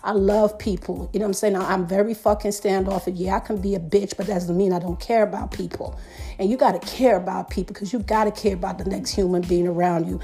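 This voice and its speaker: A woman's voice: medium pitch, fairly even intonation, quick pace, warm tone, soft background music. A middle-aged woman hosting a podcast, ranting emphatically in profane street slang. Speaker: podcast host.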